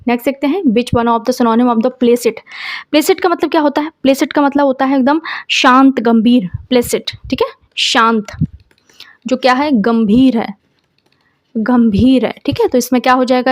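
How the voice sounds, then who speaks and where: A woman's voice: on the high side, dry recording. Indian woman teacher spelling out words. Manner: spells words out letter by letter with memory tricks. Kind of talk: exam vocabulary lesson.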